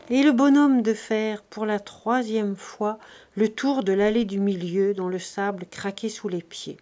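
A woman's voice: mid-range voice, a little mellow. Woman narrating a classic novel. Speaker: audiobook reader.

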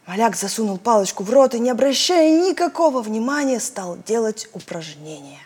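A woman narrating a storybook in an expressive, dramatic reading style. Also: fairly high pitch, normal speed, slightly rough.

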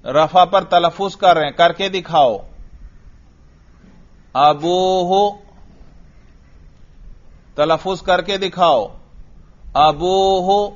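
Patient male teacher drilling a student; fairly high voice, muffled recording. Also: long pauses. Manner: patient, quizzing and praising the student. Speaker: teacher of Arabic grammar. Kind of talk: classroom grammar drill. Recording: dull lo-fi recording.

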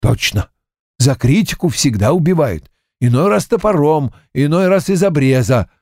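A man's voice: on the high side, lively intonation, normal speed, a little mellow, no echo, pitched above the performer's own voice. A man plays a sly village man who teases an old man with mock menace, in an audiobook. The tone stays mocking and ominous. It is recorded dry and close.

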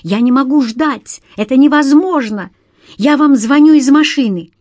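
A woman reads out a hysterical young man in raised, shrill bursts, breathless and begging. The audiobook voice sits high and loud against a dry, close recording with no room around it. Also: unhurried, dry recording. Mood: panicked. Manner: shrieking, breathless, pleading. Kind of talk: audiobook character voice.

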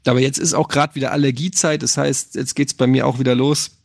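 A man's voice: mid-range voice, fairly even intonation, fairly quick, vocal fry, dry recording, clean studio sound. A man in his thirties chatting casually as a streamer, slightly nasal, rambling with many fillers. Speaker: streamer answering questions. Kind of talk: casual chat.

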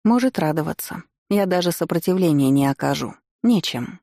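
Low mellow woman narrating an audiobook. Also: expressive, normal speed, vocal fry, dry recording, clean studio sound. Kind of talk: first-person audiobook narration.

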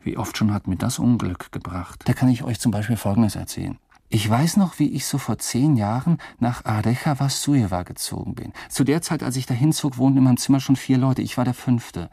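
An actor in a radio drama speaking a wry, rambling, drunkenly philosophical first-person monologue in a gravelly, husky voice. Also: male voice, medium pitch, fairly quick, dark tone, dry recording, studio quality. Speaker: narrator and protagonist.

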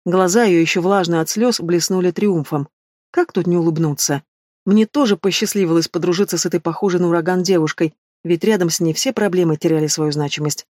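A woman narrating a first-person storybook in a steady, measured reading. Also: lowish voice, no echo, clean studio sound. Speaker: audiobook narrator.

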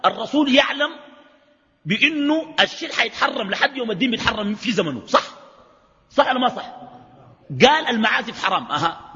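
A middle-aged man with a Sudanese Arabic accent gives a colloquial religious lecture and keeps firing rhetorical questions at his listeners. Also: very high-pitched. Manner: animated, fires rhetorical questions at the audience. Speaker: sheikh giving a religious lecture. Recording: reverberant hall, dull lo-fi sound.

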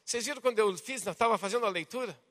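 A man with a Brazilian Portuguese accent preaching a sermon to his congregation, swinging dramatically between loud, emphatic passages and hushed ones. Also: sits high, very fast. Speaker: pastor. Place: church hall. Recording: long reverb of a church hall.

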